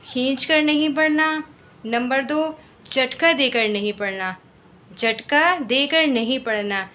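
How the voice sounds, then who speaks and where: Woman reading teacher, high bright voice, drawing out each syllable slowly. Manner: patient, drawn-out syllable drills. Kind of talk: slow spoken recitation lesson.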